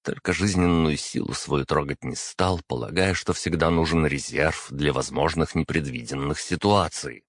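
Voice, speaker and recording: A man reading a first-person fantasy audiobook in a measured, steady storytelling manner. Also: rumbling low, dry recording, studio quality. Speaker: audiobook narrator.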